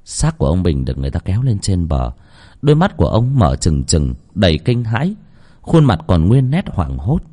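Expressive male storyteller. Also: deep voice, normal speed. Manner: dramatic, expressive delivery. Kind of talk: dramatic ghost story narration.

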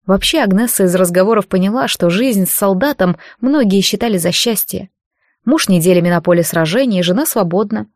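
A woman's voice: mid-range voice, fairly quick, dry recording. Woman narrating a story, dry close sound. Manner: expressive storytelling reading. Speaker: audiobook narrator. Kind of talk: scripted narration.

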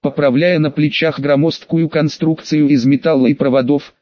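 A man reading an audiobook in steady first-person storytelling. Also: on the high side, moderate pace, no echo. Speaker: audiobook narrator. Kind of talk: scripted narration. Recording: dry, slightly dull lo-fi.

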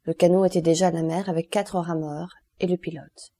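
A woman narrating a classic novel as an audiobook, in a steady, even reading manner. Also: fairly low pitch, fairly quick. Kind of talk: scripted literary narration.

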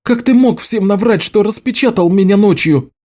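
A man reading aloud and voicing a fierce young village woman who shouts in outrage. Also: high voice, moderate pace, pitched above the performer's own voice. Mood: furious.

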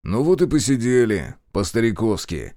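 A man voicing a sharp, ruthless male partisan commander who speaks in clipped, commanding phrases. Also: on the low side, sing-song, moderate pace, no room sound, studio quality. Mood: brisk.

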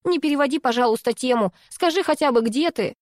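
A woman reading a story and voicing an exasperated young woman scolding her best friend in a sharp, indignant way. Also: high voice, a little fast, dry recording, clean studio sound, voice pushed up, lightly acted.

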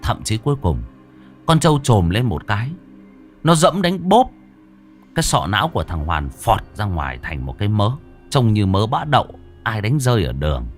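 A man tells a gruesome village ghost story with theatrical relish. His voice sits low but rises and falls dramatically, and soft music plays faintly behind him. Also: very animated, normal speed. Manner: vivid, gory, theatrical delivery.

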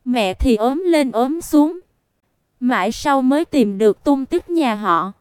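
Brief: tearful middle-aged mother, pleading, high smooth voice, read by a woman narrator. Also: animated, slow pace, darkish tone, dry recording, clean studio sound. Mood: fearful.

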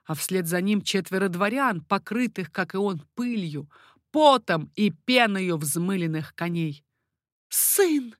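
A woman narrating a historical novel as an audiobook, with a steady, expressive reading. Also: lowish voice, a little slow, no room sound, studio quality.

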